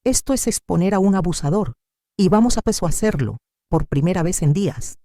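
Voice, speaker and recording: A determined young lawyer, firm and protective, speaks with earnest conviction in a told story, as a woman narrator puts him on. The voice rises and falls in a lively way and sits on a mellow, warm tone. It sounds dry and close. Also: high-pitched, moderate pace, dry recording, pitched above the performer's own voice.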